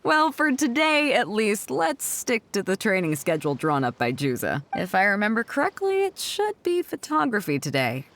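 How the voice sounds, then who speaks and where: A woman's mid-range voice swoops wildly in pitch at a normal speed, with few pauses and a slightly bright quality. Playing a teasing female ship captain in video game dialogue, she sounds confident and explanatory, breezy and self-assured, chuckling as she talks.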